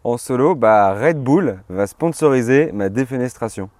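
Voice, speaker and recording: A man's voice: mid-range voice, lively intonation, normal speed, a little mellow, dry recording. A man interviewing in a comedy sketch, matter-of-fact and hesitant with fillers.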